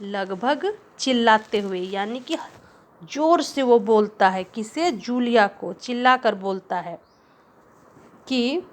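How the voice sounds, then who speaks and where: A woman teacher giving a literature lesson, explaining words slowly and repeating phrases, asking the class questions. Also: a little high, expressive.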